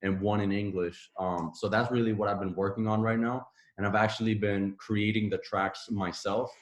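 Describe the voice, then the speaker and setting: A man's voice: fairly low pitch, fairly even intonation, normal speed, echoey room. A man from Puerto Rico whose first language is Spanish, a podcast guest talking casually with many fillers and restarts. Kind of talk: casual conversation.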